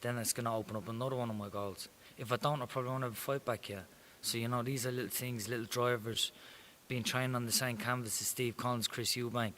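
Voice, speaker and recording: In an interview marked by faint hiss, a young Irish pro boxer talks fast with few pauses, his mid-range voice steady and slightly bright. He comes across as self-assured, swaggering, and straightforward.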